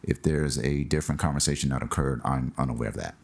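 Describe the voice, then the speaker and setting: A man's voice: a bass voice, quick pace, vocal fry, slight background noise. A man, a town official, addressing a commission meeting in a hesitant, formal way with many fillers.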